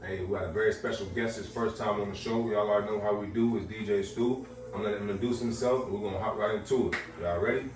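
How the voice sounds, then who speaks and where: A man's voice: lowish voice, steady tone, quick pace, few pauses. A man from the American South hosting a podcast, asking loose, slangy questions. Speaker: podcast host. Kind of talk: casual interview chat. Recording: very echoey, distant mic, music behind.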